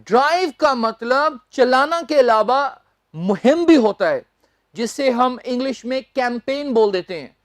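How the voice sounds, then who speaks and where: A woman teaching English newspaper vocabulary, speaking deliberately and spelling words out letter by letter. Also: high-pitched, expressive, no echo, clean studio sound.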